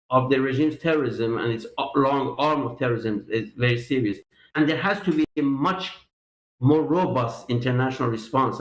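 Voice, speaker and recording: A man's voice: mid-range voice, fairly bright tone. Emphatic male interview guest, roomy sound. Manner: emphatic, repeats key points. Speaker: political guest. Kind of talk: interview answers.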